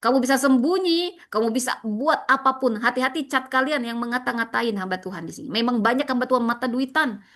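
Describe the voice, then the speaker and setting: Impassioned woman pastor preaching, high voice. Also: fairly quick, a bit bright. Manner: impassioned, scolding, rhetorical questions. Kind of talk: sermon.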